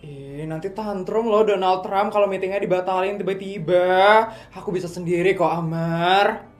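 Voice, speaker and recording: A woman voicing a humble, independent young wife who speaks gently and modestly. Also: mid-range voice, normal speed, lightly acted. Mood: gentle. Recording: roomy echo, faint music behind.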